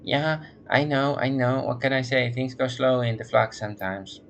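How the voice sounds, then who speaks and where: A man's voice: medium pitch, normal speed, a little hiss or hum, pitched above the performer's own voice, natural voice. A man voicing a nasal, heavy-smoking woman who talks in a curt, businesslike way over a game line. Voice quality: nasal, sing-song then businesslike.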